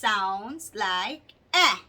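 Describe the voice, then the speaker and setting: Slow sing-song Bangladeshi woman teaching phonics. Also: medium pitch, animated, pushed and bright. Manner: slow, drawn-out, sing-song repetition, switching between English and Bangla. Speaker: teacher to children. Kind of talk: phonics lesson for kids.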